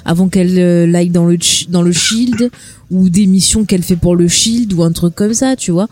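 A woman co-hosts a casual film podcast, speaking in a warm, relaxed voice. She is blunt and dry, with a joking edge. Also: lowish voice, normal speed. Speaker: podcast co-host.

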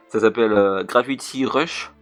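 A man's voice: lowish voice, slow pace, fairly bright tone, smooth, faint music behind. A young man co-hosting a casual gaming podcast, laid-back and hesitant, stumbling through his descriptions with fillers. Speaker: podcast co-host.

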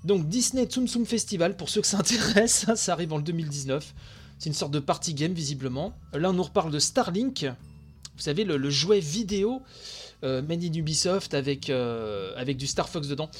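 A tired man hosting a podcast, giving chatty, excitable live commentary on a video stream, full of fillers and asides. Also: on the high side, moderate pace, breathy edge. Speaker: podcast host.

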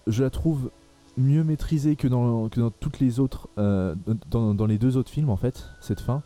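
A man's voice: medium pitch, unhurried, warm tone, soft background music. A young man hosting a casual film podcast, talking hesitantly with many fillers and restarts. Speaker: podcast host.

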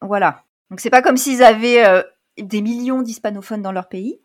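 Woman co-host for a relaxed music chat; talkative, quick to laugh. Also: on the high side. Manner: chatty, laughs often, many fillers. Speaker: podcast co-host. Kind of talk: casual chat.

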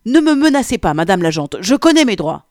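A woman's voice: low-pitched, moderate pace, darkish tone, no room sound, clean studio sound. A woman reading aloud, voicing a brazen young man who talks in a smug, wheedling way. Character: cocky aroused young man pleading.

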